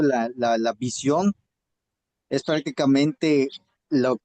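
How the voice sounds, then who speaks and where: A man's voice: mid-range voice, darkish tone, dry recording, rough recording. Emphatic Yucatecan Mexican man. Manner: repeats and restarts words, rising to emphatic bursts. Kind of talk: motivational group talk.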